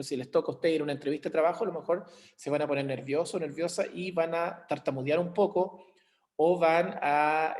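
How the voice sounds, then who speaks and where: A man's voice: fairly high pitch, darkish tone. A man with a Chilean accent teaching an online class, explaining with everyday examples and checking in with his students. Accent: Chilean Spanish. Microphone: computer mic on a video call.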